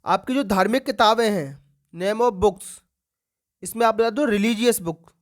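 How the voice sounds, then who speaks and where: Woman teacher quizzing students aloud. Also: medium pitch. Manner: asks the class questions and answers them herself; repeats key words slowly for emphasis. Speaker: English grammar teacher. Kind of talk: exam-prep grammar lesson for students.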